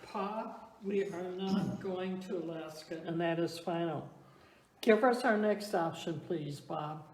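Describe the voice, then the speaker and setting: In a roomy, echoing space with some noise, a woman plays a stubborn older wife in a comedy skit. She speaks slowly and emphatically, dismissive and firm. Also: lowish voice, a little mellow. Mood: stubborn, alarmed. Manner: emphatic, deliberate refusals. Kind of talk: amateur church comedy talk-show skit. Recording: roomy echo, background noise.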